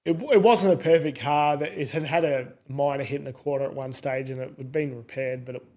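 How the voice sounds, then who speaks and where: A man's voice: mid-range voice, a little fast, darkish tone. A man with a broad Australian accent chatting casually, in a laid-back, colloquial and self-deprecating way. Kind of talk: casual car chat.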